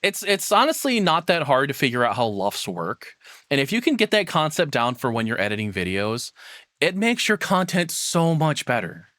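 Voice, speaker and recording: A man streams himself reacting to a video, offering casual, rambling, opinionated commentary with some swearing. His medium-pitched voice is sing-song and sharp in tone at a moderate pace, and the audio is clean studio sound with no room echo.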